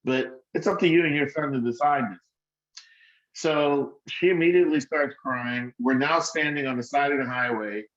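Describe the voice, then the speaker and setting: A man's voice: medium pitch, normal speed, a bit bright, muffled recording. A man telling a personal story in an earnest way, as a speaker on an online call. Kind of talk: storytelling talk.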